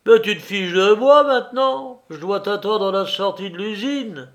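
A man voicing a gruff young factory worker who talks rough and grumbles, in a storybook reading. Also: a little high, big pitch swings, unhurried, pushed and bright, heavily acted. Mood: irritated.

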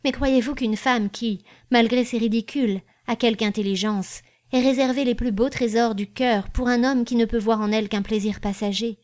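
A woman's voice: fairly high pitch, fairly even intonation, normal speed, few pauses, a little mellow, pitched above the performer's own voice, lightly acted. A woman reading the part of a proud, emotional provincial baroness who sounds moved yet teasing, in a storybook reading.

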